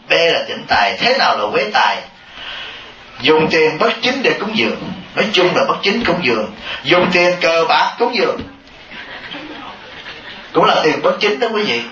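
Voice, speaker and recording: A man giving a Buddhist Dharma talk to a congregation, lively and teasing, often asking the listeners questions. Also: fairly high pitch, moderate pace. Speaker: Buddhist monk. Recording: dull, echoey hall audio from a distance with noise.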